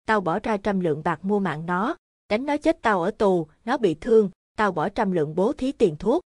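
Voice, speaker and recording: A woman's voice: mid-range voice, animated, normal speed, darkish tone, no room sound, clean studio sound, natural voice. A coarse butcher's wife, read out by a woman. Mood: threatening. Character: vicious scheming wife of a butcher, screaming.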